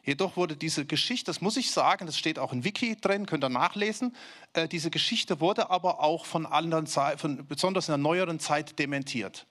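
A man preaches in a loose, chatty way, his voice sitting somewhat high. He puts questions straight to his listeners and sinks low and slow when he wants a point to land. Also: a bit bright. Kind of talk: sermon.

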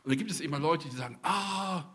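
Very fast and fairly high, with a breathy edge, this middle-aged East Westphalian man delivers a sermon as a pastor. He speaks straight to the congregation in a conversational way, weaving in personal stories and humorous asides.

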